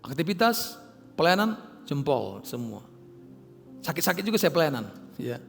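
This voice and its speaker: A middle-aged male pastor preaching in a church hall, moving from raised calls to quiet asides. His voice sits fairly high. A long reverb trails after each phrase. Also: sing-song, moderate pace, vocal fry, faint music behind. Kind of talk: sermon.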